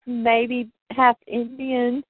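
A woman's voice: a little high, level tone, drawn-out words, slight background noise. A woman co-hosting a casual podcast from her home, recapping soap plots in a rambling, giggly way. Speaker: podcast co-host. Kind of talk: casual chat about soap operas. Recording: tinny phone-like line, dry.

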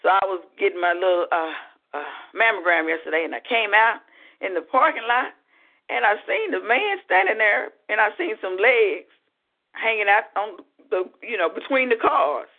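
A woman's voice: mid-range voice, normal speed. A woman minister telling a story on a prayer call in a chatty, conversational way. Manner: chatty, animated storyteller with lots of "you know". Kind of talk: conversational testimony on a prayer line. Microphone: phone. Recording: tinny phone line.

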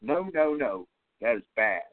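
Podcast co-host, mid-pitched man, quick wry asides, thin phone-quality sound. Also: big pitch swings. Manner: short joking interjections. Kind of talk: casual movie chat.

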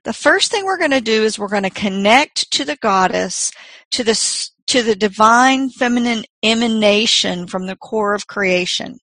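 A woman leading a spiritual workshop, giving exercise instructions and meditation guidance in an unhurried, instructive way with deliberate pauses. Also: medium pitch, expressive, a bit bright, dry recording.

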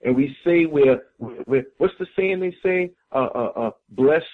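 A man's voice: on the high side, measured pace. A man from the United States, a guest on a talk show, speaking in an impassioned, preacherly way and repeating phrases for emphasis. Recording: tinny phone-line sound.

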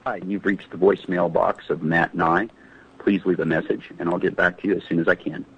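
Deep flat male voicemail greeting. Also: a little fast. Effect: recorded voicemail greeting heard over a phone line. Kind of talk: answering machine greeting. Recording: muffled phone line, faint hiss.

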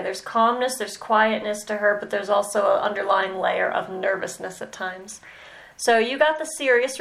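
A woman mentoring a student in animal communication, talking slowly and hesitantly with many pauses and "okay"s. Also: mid-range voice, gravelly, a bit bright, rough recording. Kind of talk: mentoring session.

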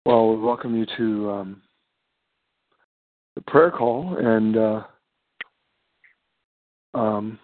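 A man's voice: lowish voice, very slow, pauses often, dry recording. A tired man hosting a phone prayer call, speaking hesitantly with many ums and uhs. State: tired, yawning. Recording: dry tinny phone line.

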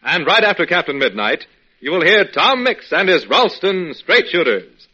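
A man's voice: sits high, very animated, normal speed, husky, exaggerated voice. A man with an American accent announcing and narrating a 1940s radio serial in a theatrical, suspenseful old radio announcer style. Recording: dull vintage radio broadcast, loud music.

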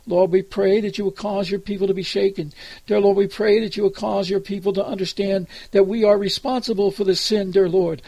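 Praying aloud off the cuff, an American preacher pleads earnestly and keeps calling on God. He has a high, steady, gravelly yet mellow voice, fairly quick, with no echo.

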